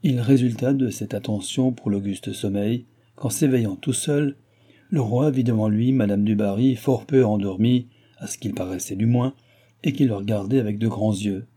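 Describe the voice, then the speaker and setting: A man narrating a classic novel as an audiobook, in a measured, steady way. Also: fairly low pitch. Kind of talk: scripted narration.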